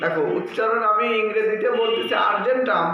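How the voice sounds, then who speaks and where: A man teaching a class, explaining slowly and asking questions that he answers himself. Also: sits high. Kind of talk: classroom lesson. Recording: echoey room, slightly dull sound with faint noise.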